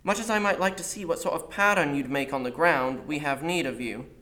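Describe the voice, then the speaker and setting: A man voicing a sharp, evasive young woman who talks down to her captive. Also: on the high side, fairly quick, roomy sound. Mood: curt. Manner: curt and condescending.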